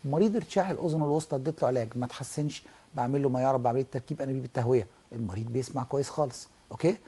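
A man's voice: mid-range voice, racing, mellow, husky. A middle-aged man with an Egyptian Arabic accent, an ear, nose and throat professor who explains as a guest on a television health talk and acts out examples. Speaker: ENT professor and guest doctor.

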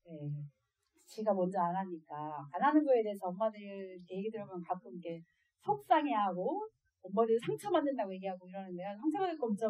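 A woman speaking as an adoptive mother to other parents, telling stories in a lively way and often laughing. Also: medium pitch, dry recording. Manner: lively, acts out quoted voices and laughs often. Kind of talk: storytelling lecture to parents.

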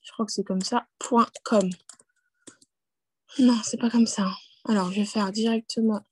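A woman's voice: a little high, fairly even intonation, a little fast, darkish tone, husky, dry recording. A woman leading a screen-share tutorial on a video call, chatty and full of fillers, checking in with her listeners often. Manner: chatty, many fillers and restarts, checks in with "d'accord?"; self-deprecating, laughs at her own English. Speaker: network marketing team leader.

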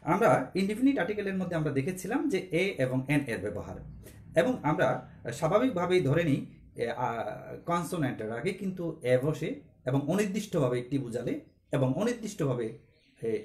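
A man's voice: fairly high pitch, sing-song, moderate pace, darkish tone, roomy sound. A man teaching English grammar to a class, explaining step by step and asking questions before answering them himself.

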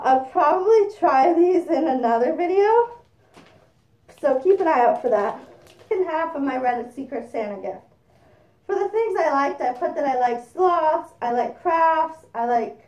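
A woman's voice: high voice, lively intonation, a little slow, darkish tone, roomy sound, far from the mic, dull audio. A woman chatting casually as she unboxes gifts while speaking through a costume head. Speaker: vlogger.

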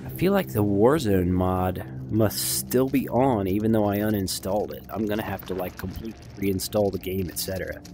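Male gaming host, lowish voice, casual rambling commentary, chatty, informal, music behind. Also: brisk, hardly any pauses.

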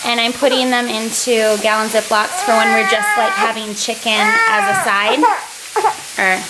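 A woman's voice: a little high, lively intonation, measured pace. A woman in her twenties chatting casually as she meal-preps in her home kitchen, explaining each step with lots of fillers, filmed on a handheld camera. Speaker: vlogger. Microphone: handheld camera, sometimes close selfie framing, sometimes far. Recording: home recording with loud kitchen noise.

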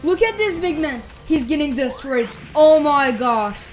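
A female gamer giving excited live gameplay commentary, repeating exclamations and casual slang like bro. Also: high voice, a little slow, soft background music. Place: voice-over on screen-recorded gameplay, game music behind.

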